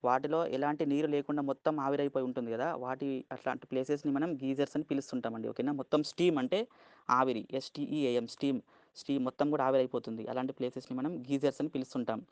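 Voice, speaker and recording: Male teacher, Telugu accent, patient and slow, spells out every word, dry close sound. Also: mid-range voice, steady tone, dry recording. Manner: slow, spells words letter by letter, keeps asking "okay?". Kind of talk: vocabulary lesson.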